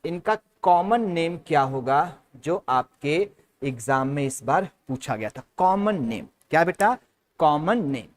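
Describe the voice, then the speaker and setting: Indian male chem teacher, fairly high voice, repeats everything, drills mnemonics. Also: lively intonation, measured pace. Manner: repetitive, drilling mnemonics, calls students beta. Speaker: chemistry teacher. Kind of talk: classroom lecture in Hindi-English mix.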